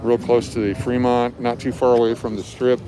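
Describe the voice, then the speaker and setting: A man with a mellow, medium-pitched voice keeps a level tone and moderate pace as he hosts a live walking tour. Out on city streets after dark, with loud traffic around him, he explains things in a relaxed, informal way.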